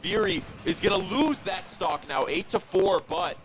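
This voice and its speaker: A young man giving fast, analytical play-by-play commentary on an esports match, shouting on big plays. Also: sits high, lively intonation.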